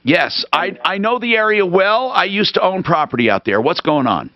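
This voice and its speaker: His voice sits high, with lively intonation and a moderate pace, as he hosts an off-the-cuff call-in radio show. Brusque and emphatic, he interrupts callers; there's no room sound, and the audio is dull.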